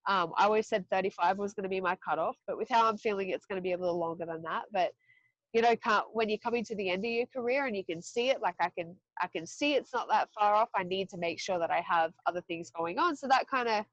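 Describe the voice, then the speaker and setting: A woman's voice: medium pitch, quick pace, no echo, dull audio. Candid, casual woman in her thirties. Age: 30s. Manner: candid, frequent swearing and laughing asides. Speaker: podcast guest, fighter. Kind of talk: casual interview chat.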